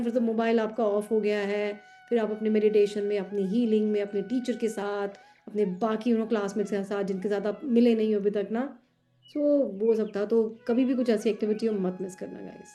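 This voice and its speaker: A woman in casual group chat, telling stories with lively acted-out dialogue, mixing Hindi and English. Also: medium pitch, a little fast. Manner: animated storyteller acting out dialogue. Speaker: tarot student.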